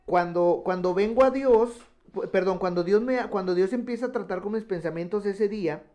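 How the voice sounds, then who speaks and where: Radio testimony guest, man, somewhat higher voice, earnest, keeps restarting. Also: moderate pace, darkish tone. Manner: earnest storytelling with many restarts.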